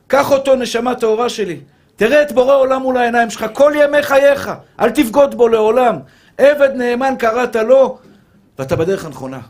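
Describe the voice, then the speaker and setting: Brief: man preaching a fervent sermon, voice pitched very high, calls his listeners brother. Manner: impassioned, addresses listeners as brother and pure soul.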